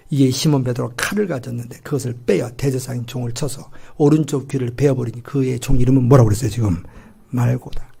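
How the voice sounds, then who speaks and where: A middle-aged man preaching a sermon as pastor, animated and full of rhetorical questions, acting out the dialogue he quotes. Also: medium pitch, vocal fry, breathy edge. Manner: acts out quoted dialogue in lively voices. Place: church sanctuary.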